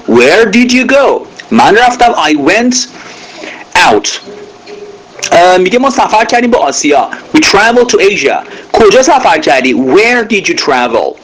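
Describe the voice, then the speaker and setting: A man teaching English grammar in Persian, saying each English example sentence slowly with many filler pauses. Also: high-pitched, rough recording. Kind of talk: recorded grammar lesson.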